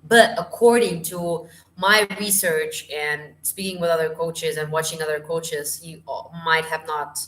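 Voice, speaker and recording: A woman's voice: low voice, steady tone, unhurried, a bit bright. Tired woman vocal coach. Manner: chatty, searching for English words. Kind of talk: live stream Q&A. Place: home.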